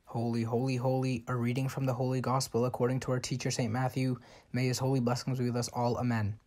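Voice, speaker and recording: A man reading scripture in a church service, slow and measured, almost chanted. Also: medium pitch, little pitch movement, a little mellow. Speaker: church reader.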